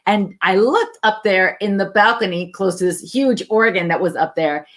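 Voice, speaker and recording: Woman telling her church story, earnest and chatty, does little voices for people she quotes, mid-pitched. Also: moderate pace, a bit bright. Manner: earnest, acts out quoted dialogue, laughs easily. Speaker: co-host sharing her testimony. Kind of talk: conversational storytelling.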